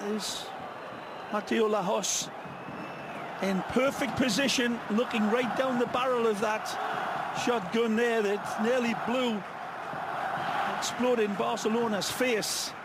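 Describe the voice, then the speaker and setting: Very high-pitched man analysing football, loud stadium. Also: steady tone, slow pace, long pauses. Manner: colourful, flowery phrasing. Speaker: co-commentator, match analyst. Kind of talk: live sports commentary. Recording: loud stadium noise behind. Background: football stadium crowd.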